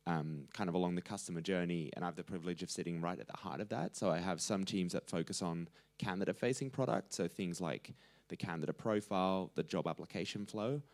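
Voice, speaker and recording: A man from the Netherlands introducing himself on a conference panel, relaxed and wry, with many fillers. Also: sits low, quick pace. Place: conference stage.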